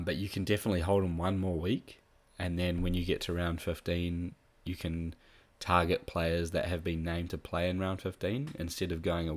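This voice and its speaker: A man with a nasal voice from being a bit sick, talking through fantasy tips in a relaxed, casual way with plenty of ums. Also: low-pitched. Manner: relaxed, with frequent ums and restarts. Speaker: fantasy football tipster. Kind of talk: casual solo analysis.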